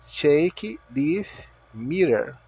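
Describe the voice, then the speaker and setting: Guy teaching english words real slow, patient, repeats everything, dead dry mic. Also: a little high, lively intonation, creaky, mellow, slightly rough, no room sound. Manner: patient, repeats each word and spells out its sounds. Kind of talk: slow explanatory video lesson.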